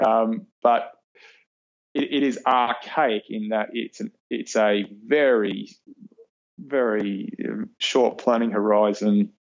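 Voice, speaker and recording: Guest: Australian man, 40s, low gravelly voice, measured and emphatic, dull remote line. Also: fairly even intonation. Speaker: podcast guest, reliability engineer with PhD. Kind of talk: casual interview chat.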